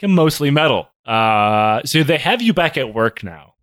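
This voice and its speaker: A man's voice: mid-range voice, sing-song, a little slow, a bit bright, dry recording. A man co-hosting a casual history podcast, joking, swearing and rambling with lots of fillers. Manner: jokey, profane, rambling with many fillers. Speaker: podcast co-host.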